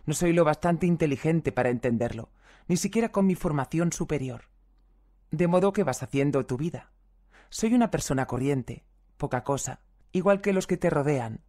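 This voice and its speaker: A reader giving a calm, measured audiobook reading of first-person testimonies, reading the translator's footnotes aloud as well. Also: medium pitch.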